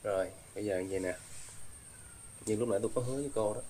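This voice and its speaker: Low-pitched man, ghost-hunter host, probing questions, faint crickets. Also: warm tone, slight background noise. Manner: slow, probing questions with hesitant fillers.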